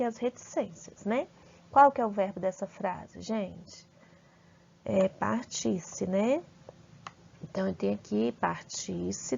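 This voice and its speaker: A woman with a Brazilian Portuguese accent teaching a grammar lesson over slides. She asks her students questions and praises their answers warmly. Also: medium pitch, gravelly, dull audio.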